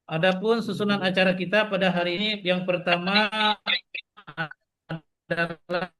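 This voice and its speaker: Man, glitching choppy video call audio, high-pitched, bright tone, formal meeting moderator reading an agenda. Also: flat delivery, normal speed. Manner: formal, reads out the agenda item by item. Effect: choppy, cutting-out video call audio. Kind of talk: formal online meeting opening.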